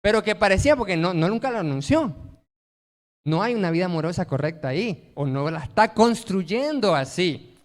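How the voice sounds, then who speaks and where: High-voiced emphatic preacher man. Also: expressive, moderate pace, long reverb tail. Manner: emphatic, asks rhetorical questions and answers them. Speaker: pastor. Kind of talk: sermon.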